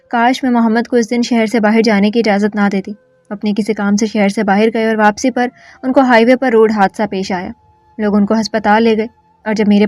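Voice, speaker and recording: A woman telling an emotional first-person story in a calm, earnest narration. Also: a little high, no echo.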